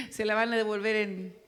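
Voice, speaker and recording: Bright-voiced woman preaching. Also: mid-range voice. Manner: chatty and joking with the congregation. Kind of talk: sermon.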